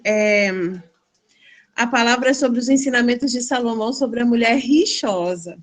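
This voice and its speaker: A woman pastor, sharing a lively devotional testimony in an animated storytelling way. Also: fairly high pitch.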